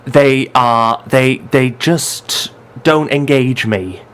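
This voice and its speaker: A man hosting a casual film podcast, arguing his opinions in quick bursts. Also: medium pitch, fairly bright tone, clear, resonant tone. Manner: opinionated, fast bursts of argument. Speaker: podcast host. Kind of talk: casual chat.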